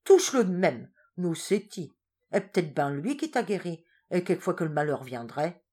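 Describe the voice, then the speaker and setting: A woman voicing a stubborn, fretful old peasant woman who speaks in rustic country dialect and exclaims loudly. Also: lowish voice, sing-song, normal speed, breathy edge. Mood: urgent.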